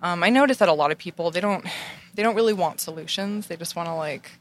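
A woman guest on a podcast who runs a wellness business, chatting in a relaxed way and agreeing often. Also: fairly low pitch, quick pace, slight background noise. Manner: relaxed, agreeable, frequent affirmations. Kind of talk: casual chat.

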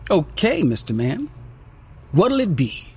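A man's voice: sits high, huge pitch swings, takes it slowly, a little mellow, breathy edge, heavily acted. A man voicing a friendly young woman diner waitress with a faint Southern twang, chatty and teasing. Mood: coaxing.

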